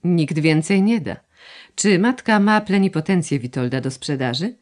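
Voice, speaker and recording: A woman's voice: fairly low pitch, moderate pace, natural voice. A woman reading the lines of a reserved young landowner who answers his mother briefly and without feeling. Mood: curt. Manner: curt, flat and unmoved. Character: terse, cold landowner son, young man. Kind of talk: audiobook dialogue reading.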